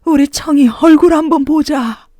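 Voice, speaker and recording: A woman's voice: sits high, normal speed, dark tone, no echo, clean studio sound, voice pushed up, natural voice. A woman voicing a tender, emotional old father in a children's fairy tale, as if reading to a toddler. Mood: tearful joy. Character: tender old blind father overjoyed to see daughter. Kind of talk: children's storybook character voice.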